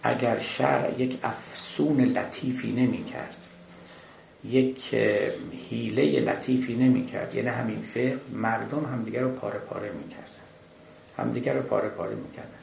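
Gravelly-voiced man lecturing in an echoey room. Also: medium pitch, a little mellow. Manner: measured, explanatory, with frequent hesitations. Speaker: lecturer on the Masnavi. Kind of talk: lecture commentary. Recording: echoey room with faint noise.

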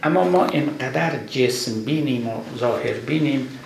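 Gravelly-voiced man lecturing in an echoey room. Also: medium pitch. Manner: measured, explanatory, recites verses. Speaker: lecturer on classical Persian poetry. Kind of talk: live lecture to an audience. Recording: echoey room with background noise.

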